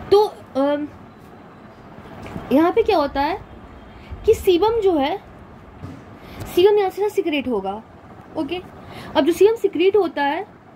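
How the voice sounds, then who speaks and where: A woman's voice: extremely high pitch, a little mellow, a little hiss or hum, rough recording. A woman teaching a medical class, explaining step by step, asking and answering her own questions as she draws diagrams. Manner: draws diagrams while talking, frequent "theek hai na". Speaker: medical lecturer. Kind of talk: classroom lecture, mixing Hindi and English.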